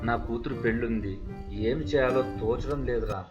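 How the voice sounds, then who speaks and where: A man's voice: mid-range voice, moderate pace, dull audio, loud music behind the voice, lightly acted. An actor playing a weary, despairing middle-aged father in debt.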